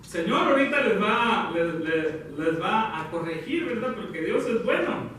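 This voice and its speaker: A man preaching a sermon, talking warmly to the congregation as brothers and sisters, pausing and correcting himself as he goes. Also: sits high, lively intonation, a little hiss or hum. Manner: addresses listeners as brothers, halting with self-corrections. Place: church hall. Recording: very echoey hall, from far off.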